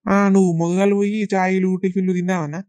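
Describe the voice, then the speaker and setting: Play a nosy Telangana village woman at mid pitch, chatting and gossiping about the neighbours. A woman takes the role. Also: little pitch movement, racing, dark tone, slight background noise, close to an everyday voice. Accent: Telangana Telugu.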